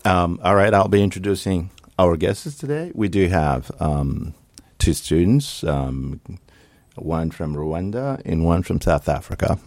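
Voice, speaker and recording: A man's voice: low voice, expressive, measured pace, a little mellow, no echo. A man hosting a radio program in a casual style, introducing and chatting with guests. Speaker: radio host.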